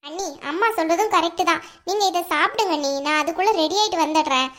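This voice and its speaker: Woman doing a firm young cartoon sister-in-law, very high and brisk. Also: bright, forceful tone. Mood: reassuring. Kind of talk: cartoon voice acting.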